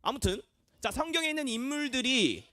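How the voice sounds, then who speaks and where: A man's voice: very high voice, lively intonation, brisk, sharp tone, no echo, clean studio sound. A young man, a junior pastor, preaching a children's sermon in a church classroom, quizzing the kids and acting out voices. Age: young adult.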